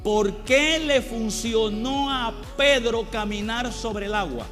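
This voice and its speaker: A man with a high voice delivers a sermon at an unhurried, deliberate pace. He keeps repeating key phrases and turning them into questions for his listeners. His voice rings out through a reverberant church hall over soft background music. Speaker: preacher.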